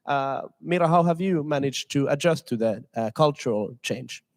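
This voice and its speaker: In this livestreamed panel discussion, a young Finnish man acts as moderator for students. His mid-range voice moves at a moderate pace, and he hesitates often, using plenty of fillers.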